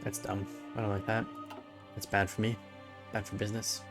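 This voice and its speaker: A man's voice: on the low side, flat delivery, moderate pace, music in the background. A man giving casual live-stream commentary while playing a strategy game, musing and thinking aloud. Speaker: gaming streamer.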